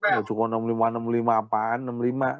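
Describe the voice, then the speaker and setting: A male teacher calls the roll on a video call, teasing his students as he goes. His voice is smooth and resonant. The sound is dry and a little muffled. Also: medium pitch, level tone, quick pace, dry recording. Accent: Indonesian. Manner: joking, teasing banter with students. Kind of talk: online class roll call.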